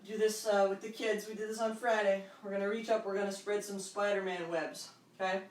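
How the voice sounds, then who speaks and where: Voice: mid-range voice, little pitch movement, brisk. An aerobics instructor leading a workout, counting out moves and cueing them in short, encouraging phrases. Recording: echoey room, distant microphone.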